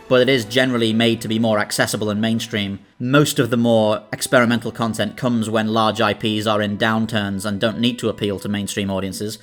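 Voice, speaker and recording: Background music sits beneath the scripted essay narration of this video host, a British man whose voice is fairly low in pitch and a bit bright.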